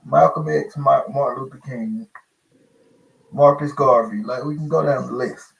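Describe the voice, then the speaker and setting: A man's voice: medium pitch, animated, moderate pace, vocal fry, a little hiss or hum, rough recording. A man in a casual discussion, making his points emphatically and repeating himself as he works them out.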